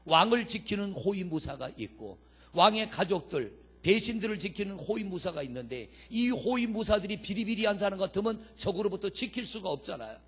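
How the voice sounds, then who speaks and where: A man's voice: sits high, breathy edge. A man pastor preaching a sermon in a church. He asks the congregation questions, answers them himself, and reads scripture verses aloud. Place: church sanctuary.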